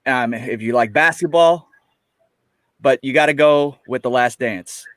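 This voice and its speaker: A man in casual chat, hesitant and halting, with many fillers as he explains his pick. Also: medium pitch, a bit bright, no room sound. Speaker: draft participant.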